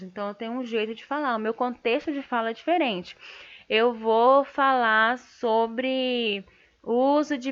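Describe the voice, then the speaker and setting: A Brazilian woman with a Brazilian Portuguese accent teaching a writing lesson, explaining step by step and checking in with quick tag questions. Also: high-pitched. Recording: dull lo-fi sound.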